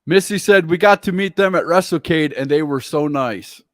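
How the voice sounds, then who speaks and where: A man's voice: on the high side, no echo, clean studio sound. Chatty male talk show host. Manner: chatty, laughs easily, trails off in pauses. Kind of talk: casual online talk show chat.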